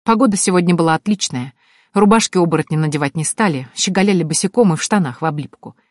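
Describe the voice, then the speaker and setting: A woman's voice: fairly low pitch, quick pace, dry recording, studio quality. A woman narrating a first-person fantasy audiobook in a wry, ironic tone.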